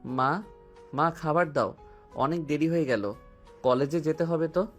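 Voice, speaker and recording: A man's voice: fairly high pitch, unhurried. A man voicing a cheeky, cocky young male college freshman who answers back defiantly in an audio drama. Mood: casual. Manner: mocking, defiant. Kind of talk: Bengali audio love-story drama. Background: faint background music.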